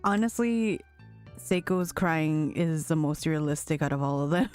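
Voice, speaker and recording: A woman's voice: low-pitched, animated, normal speed, darkish tone, clean tone, dry recording. A woman playing a video game and commenting casually, in a playful, self-mocking way. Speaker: video game player reading dialogue aloud. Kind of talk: casual let's play commentary with voiced read-along. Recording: game music behind the voice.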